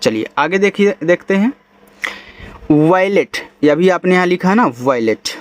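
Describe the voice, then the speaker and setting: High-voiced male teacher. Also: animated, no echo. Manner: spells letters slowly, then repeats the word. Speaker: English teacher. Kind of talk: spelling-out phonics lesson.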